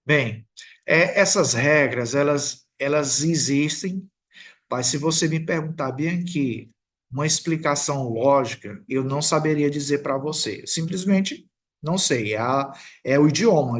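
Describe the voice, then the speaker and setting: A man with a Brazilian Portuguese accent, teaching a recorded English lesson over slides. He explains slowly and patiently and keeps checking in with the listener. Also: on the high side. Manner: slow, patient explaining with frequent "tá bom?" check-ins.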